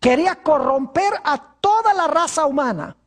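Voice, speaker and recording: Higher-pitched woman preaching a Bible study. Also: lively intonation. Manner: formal, measured, slows to stress scripture verses. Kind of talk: televised Bible study sermon.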